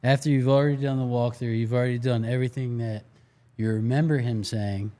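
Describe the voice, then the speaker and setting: A man co-hosting a casual chat outdoors on a golf course, throwing in dry jokes and quick quips. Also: mid-range voice, steady tone, warm tone. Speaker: co-host.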